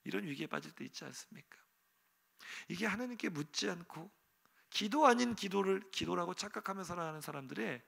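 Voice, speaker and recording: Lively, gravelly-voiced man preaching. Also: high voice. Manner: animated storytelling with sudden shouted exclamations; asks the congregation rhetorical questions. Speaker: pastor. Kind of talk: sermon. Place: church sanctuary.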